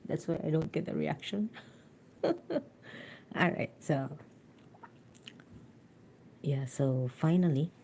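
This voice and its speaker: A woman's voice: low-pitched, very slow, creaky, long pauses, mellow, a little hiss or hum. A chatty, giggly woman, live-streaming casually and talking into a phone held close to her mouth. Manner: giggly, chatty, mixing Tagalog words.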